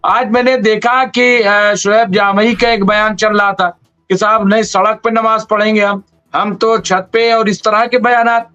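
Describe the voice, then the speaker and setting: High voiced guy in a debate, earnest and insistent, muffled lo-fi audio, faint music. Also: level tone, measured pace, bright, forceful tone, smooth. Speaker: debate panelist. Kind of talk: heated political discussion.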